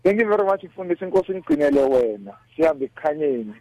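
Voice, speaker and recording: Husky South African man, devotional talk. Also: on the high side, wildly swooping pitch, quick pace, a little mellow, lo-fi sound. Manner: mixes English with a Nguni language. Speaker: radio discussion guest.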